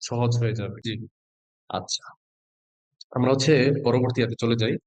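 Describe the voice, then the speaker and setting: A man's voice: mid-range voice, fairly even intonation, moderate pace, a little mellow, no room sound. A male Quran reading teacher giving an online class, patiently naming letters one by one and quizzing his students. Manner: patient, asks students questions and spells out letters.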